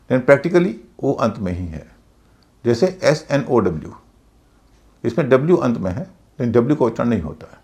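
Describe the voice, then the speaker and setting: Gravelly male pronunciation teacher. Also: medium pitch, a little mellow. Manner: patient, methodical, spells out words letter by letter. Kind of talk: explanatory lesson.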